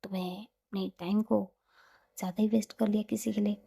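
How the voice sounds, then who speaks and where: A playful young woman who teases her partner, as a woman narrating puts her on. Her voice is warm and dark with a breathy, gravelly texture, and her banter is light and quick. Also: mid-range voice, flat delivery. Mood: candid.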